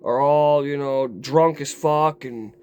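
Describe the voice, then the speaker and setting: A man telling a raw personal story to his camera in a rambling, profane way, dropping low and quiet, then flaring into heated outbursts. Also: takes it slowly, clear, resonant tone. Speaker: vlogger. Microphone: camera mic.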